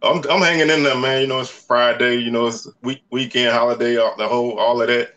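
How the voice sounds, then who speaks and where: A man's voice: medium pitch, steady tone, fairly quick, fairly bright tone, lo-fi sound. A man hosting a casual talk show over a video call, chatty and laid-back with lots of fillers. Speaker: show host. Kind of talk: casual interview.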